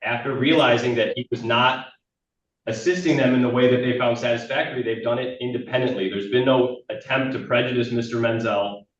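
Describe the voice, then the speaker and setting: A prosecutor, a man, addressing the judge in a measured and formally respectful way, heard in a courtroom recording. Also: mid-range voice, fairly even intonation. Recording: echoey, distant, muffled courtroom audio with faint noise.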